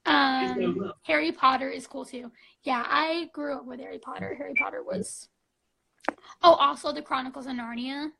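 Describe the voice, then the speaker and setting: A woman's voice: high-pitched, normal speed, creaky, sharp tone, poor audio. A woman in her twenties chatting casually on a live stream, gushing and bubbly, full of fillers like "like" and "um", on a phone mic. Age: 20s.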